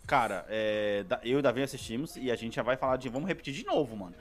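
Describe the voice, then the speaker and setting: A man's voice: mid-range voice, lively intonation, quick pace, faint music behind. A man with a Brazilian accent hosting a casual podcast chat in a slangy, exclamatory way. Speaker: podcast host.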